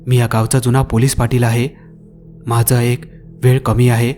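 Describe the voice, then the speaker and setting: A man's voice: mid-range voice, flat delivery, a little mellow, faint music behind, lightly acted. Grim old village headman, voiced by a man. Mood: grave. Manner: slow, solemn warning.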